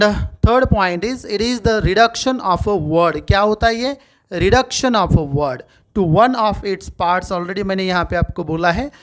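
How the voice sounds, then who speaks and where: A middle-aged man with an Indian English accent, teaching a video lesson in a mix of Hindi and English and asking himself questions as he explains. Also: high-pitched. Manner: asks rhetorical questions and answers them himself.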